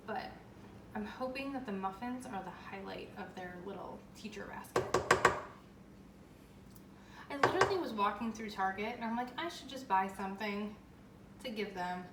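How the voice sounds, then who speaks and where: A woman giving a casual, chatty home baking demonstration, talking informally and with emphasis as she hosts. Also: a little high. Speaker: home baking show host. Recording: roomy echo, distant mic, noisy background.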